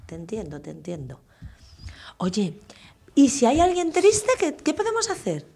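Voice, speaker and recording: Her voice is fairly high, gravelly, mellow, and husky, with wildly swooping pitch and an unhurried pace. As host of a school radio show for children, she gently coaxes the little ones, patiently asking question after question.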